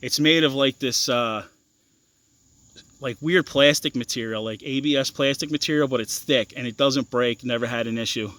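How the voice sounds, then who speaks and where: A young man walks through the parts on his off-road bike in a loose, stop-start way, full of ums and restarts. His voice is smooth and clear, and the sound is dry, with no room echo. He talks bluntly and swears casually. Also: medium pitch, fairly bright tone. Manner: halting, many ums and restarts, blunt and profane. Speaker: ATV owner explaining his bike mods. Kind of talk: casual walkaround explanation.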